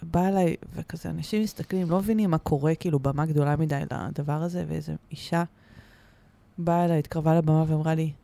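A woman's voice: low-pitched, fairly even intonation, creaky, warm tone. A woman guest on a studio podcast, chatting casually and telling a story with lots of fillers and laughs. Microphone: studio microphone.

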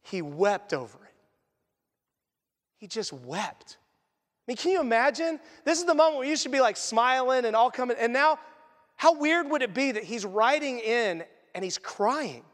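A man preaching a sermon as pastor, earnest and conversational, often dropping to a hushed voice for emphasis. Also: extremely high pitch, animated, moderate pace, big-room sound. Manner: earnest, conversational preaching with sudden quiet drops.

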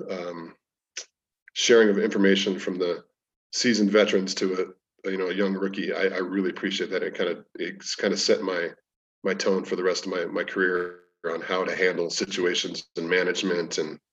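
A low-voiced strength coach, appearing as a podcast guest in a casual storytelling interview, rambles through anecdotes with frequent restarts. He sounds distant and muffled, with dull lo-fi audio.

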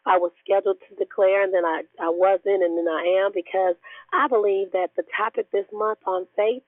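A woman with a hoarse, raspy, worn-out voice, giving an earnest devotional talk and prayer in a conversational way on a group phone call. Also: medium pitch, steady tone, moderate pace, dry recording. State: hoarse, unwell. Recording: tinny narrow phone line.

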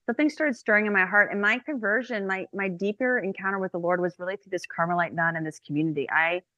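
A woman in her thirties, a guest speaker telling her personal faith story on a podcast, chatty and animated, with many fillers. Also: mid-range voice, fast, no echo, highs cut off.

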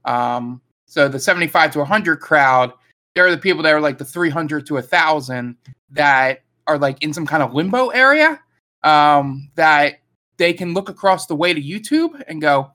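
A man's voice: on the high side, very animated, moderate pace, pushed and bright. A man co-hosting a podcast, talking casually and rambling as he restarts his sentences. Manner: rambling, full of fillers and restarts. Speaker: podcast co-host.

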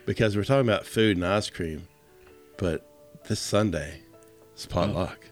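A man's voice: deep voice, moderate pace, soft background music. A man co-hosting a podcast, chatting casually and laughing often. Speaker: podcast co-host. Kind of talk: casual chat.

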